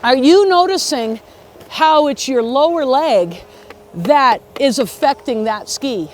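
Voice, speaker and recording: A woman with a high, darkish, expressive voice speaks slowly as she teaches a beginner ski lesson outdoors. She guides step by step in an encouraging way, often checking in with short questions like "okay" and "right" as part of the hands-on instruction. The outdoor recording carries faint background noise.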